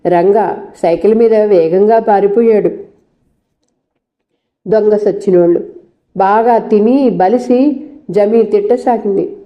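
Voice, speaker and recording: A woman reading a novel aloud in a steady, measured way, giving the dialogue light voices. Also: medium pitch, highs cut off. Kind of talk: novel read aloud, voicing all characters.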